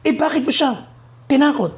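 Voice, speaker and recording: A man's voice: very high voice, animated, moderate pace. A man voicing a wealthy master who questions his servant and Death impatiently. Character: stern wealthy master, middle-aged man.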